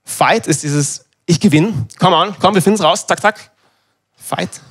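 A man, preaching a sermon in a lively, conversational way and acting out little dialogues. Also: high voice, measured pace, slightly rough.

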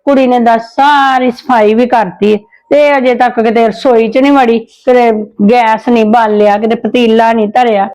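A woman's voice: a little high, fairly even intonation, normal speed, a little mellow, natural voice, rough recording. A woman playing a fussy, fretting mother of the house in a short home drama. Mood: fretful. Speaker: mother character.

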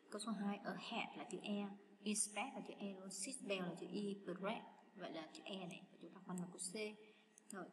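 A woman teacher goes through test answers one by one, speaking to her students in a friendly, patient tone. Her voice sits at a middle pitch. It was recorded in an echoey room with steady, clearly audible background noise. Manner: patient, chatty, addresses students as "các bạn". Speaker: English teacher. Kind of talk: explaining exam answers.

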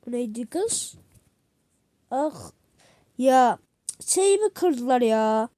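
High-voiced woman acting out a toy drama. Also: animated, very slow, mellow, no echo, rough recording. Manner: jumps between squeaky and low put-on voices with frequent gasps. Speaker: amateur storyteller voicing all the characters. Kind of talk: homemade toy-figure drama.

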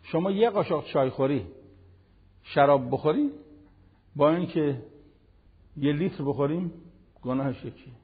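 Husky older man teaching in a hall. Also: a little high, long pauses, phone-quality sound. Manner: animated, conversational preaching with everyday examples. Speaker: Quran teacher. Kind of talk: televised religious lesson.

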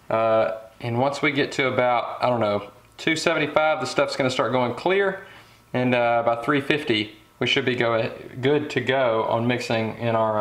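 A young man hosts a casual how-to vlog from his home garage workshop, relaxed and chatty, thinking aloud with fillers as he works. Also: mid-range voice. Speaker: fishing channel host. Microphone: camera mic. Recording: echoey garage with background noise.

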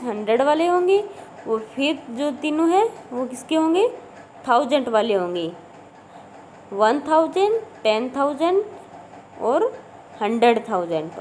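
Patient woman teacher with a Haryanvi Hindi accent, explaining place values slowly, pausing on "okay.". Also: high-pitched, darkish tone, a little hiss or hum, rough recording. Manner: slow, patient, repeats numbers and "okay" checks. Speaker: school math teacher. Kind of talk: classroom math lesson in Hindi-English mix.

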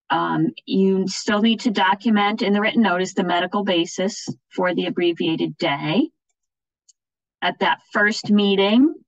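This woman has a mid-range voice and is leading an informal slide-based training webinar for education officials online. She explains plainly and keeps checking in with participants, though the recording is muffled, if echo-free.

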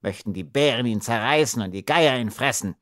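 A man's voice: mid-range voice, sing-song, moderate pace, dry recording, studio quality, close to an everyday voice. A male narrator voicing a tiny, frightened male arms trader who whines and shrieks his complaints in an audiobook. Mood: angry shrieking. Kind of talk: audiobook character voice.

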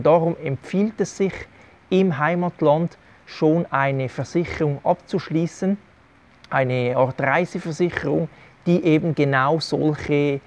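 Middle-aged man, Swiss German accent, slightly high pitch; earnest explainer to camera, lapel mic, outdoor terrace. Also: a little mellow. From Switzerland. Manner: earnest, explains step by step to viewers. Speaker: travel vlogger giving advice. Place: covered outdoor terrace by a garden. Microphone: clip-on lapel mic.

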